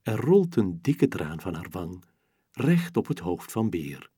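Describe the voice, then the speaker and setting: Slow, gently husky man telling a children's story. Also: low-pitched, sing-song, no room sound, studio quality.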